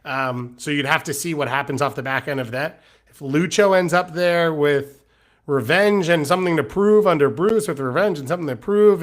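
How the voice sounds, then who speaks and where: A man with a bright, fairly high voice co-hosts a casual sports chat. He teases his partner easily and moves from topic to topic in a relaxed, conversational way. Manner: teasing, conversational. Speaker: podcast co-host.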